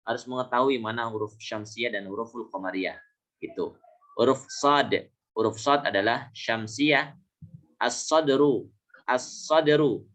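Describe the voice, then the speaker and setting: A man teaching Arabic pronunciation in a lesson, repeating example words slowly and correcting himself with small fillers. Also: medium pitch, a bit bright. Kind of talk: classroom lesson.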